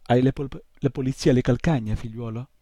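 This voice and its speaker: Brief: cranky old bookseller, mocking and gruff, low mellow tone, read by a man. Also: steady tone, brisk, no echo, clean studio sound, lightly acted. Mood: suspicious. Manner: grumbling, sarcastic.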